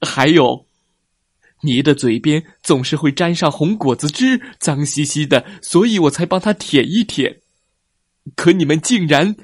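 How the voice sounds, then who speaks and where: A man's voice: fairly high pitch, expressive, unhurried, slightly rough, no echo, clean studio sound. A man doing a stern, caring dinosaur dad. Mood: scolding. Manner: scolding, earnest. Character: big loving father tyrannosaurus, stern but caring.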